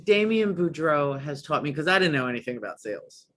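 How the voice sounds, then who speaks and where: A man's voice: on the high side, sing-song, brisk, sharp tone. A man guesting on a podcast, talking casually and enthusiastically, with many "like"s and restarts. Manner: enthusiastic, rambling, lots of "like".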